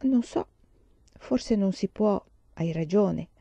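Mary, a woman reading a gentle pious blind girl. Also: medium pitch, lively intonation, slow, vocal fry, dry recording, exaggerated voice.

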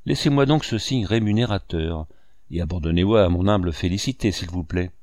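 A man's voice: sits low, fairly quick, darkish tone, dry recording, clean studio sound, close to an everyday voice. A man reading a wry aging painter. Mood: wry musing. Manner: wry musing monologue addressed to a housekeeper. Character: aging male painter, wry, wistful, proud.

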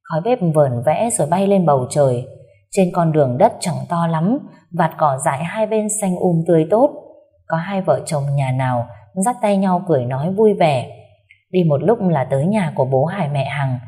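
A woman narrating a romance story aloud in a gentle, steady storytelling manner. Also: low-pitched, normal speed.

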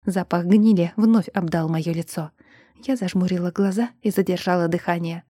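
Husky female audiobook narrator. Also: on the low side, normal speed, no echo, clean studio sound. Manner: quiet, tense storytelling, dropping to a near whisper. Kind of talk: first-person fantasy audiobook narration.

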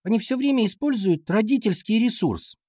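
A man's voice: high voice, animated, fairly quick, warm tone, no echo, studio quality, voice pushed up. A man voicing an earnest fifth-grade girl class monitor, in a raised, eager, explaining voice.

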